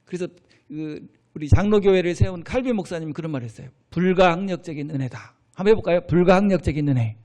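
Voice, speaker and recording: A man's voice: high voice, fast talker. A middle-aged male pastor preaching a sermon in a church, asking the congregation questions and answering them himself. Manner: animated preaching with call-and-response questions to the congregation. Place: church sanctuary.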